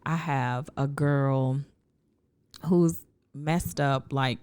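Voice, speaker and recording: A woman hosting a podcast in casual chat, speaking in a measured, deliberate radio voice. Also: rumbling low, steady tone, a little mellow, clear, resonant tone, no room sound. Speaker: podcast host.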